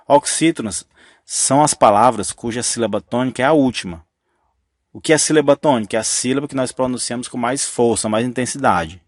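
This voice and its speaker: A man's voice: mid-range voice, no room sound, studio quality. A man teaching a grammar lesson in a patient, methodical way, restating each rule and checking in with the listener. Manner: patient, methodical, repeats key rules.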